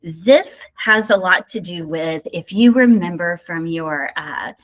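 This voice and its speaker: Lower-voiced Southern American woman lecturing. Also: slow. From Indiana. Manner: conversational, many fillers and asides. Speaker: university instructor. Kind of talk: recorded lecture.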